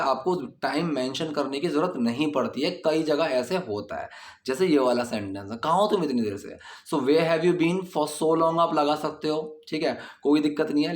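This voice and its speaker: A man's voice: a little high, reverberant. Patient man teaching English grammar. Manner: explains patiently, repeating example sentences slowly. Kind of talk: explaining grammar in a video lesson. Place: indoors at night, dogs barking outside.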